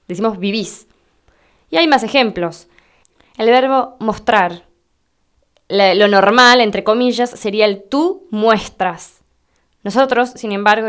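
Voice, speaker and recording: A woman with an Argentine Spanish accent giving a slow, deliberate explanatory lesson, spelling things out for her listeners. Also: mid-range voice, clean tone. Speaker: Spanish teacher.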